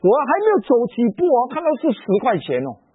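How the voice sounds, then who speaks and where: Brief: middle-aged Malaysian Mandarin-accented male preacher, high and lively storyteller, tinny phone-like audio. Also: fast, no room sound. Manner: animated storytelling with frequent particles. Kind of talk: sermon-style personal story.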